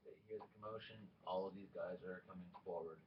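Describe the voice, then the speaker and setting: A lower-voiced man serving as game master at a tabletop game, calling out rolls and moves in a casual, matter-of-fact way with offhand swearing. He sits a little back from the microphone, and the recording is dull and muffled with a faint hiss. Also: fairly even intonation, quick pace, distant mic.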